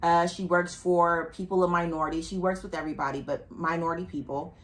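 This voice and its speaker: A woman's voice: fairly low pitch, steady tone, fast talker. A woman hosting a podcast, chatting casually and playfully with a friend. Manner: playful, chatty, laughs easily. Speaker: podcast host. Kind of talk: casual chat.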